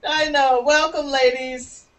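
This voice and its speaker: A woman's voice: sits high, little pitch movement, takes it slowly, distant mic, low-quality recording. A woman hosting a casual video call chat, chatty and laughing often, with many restarts. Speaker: host.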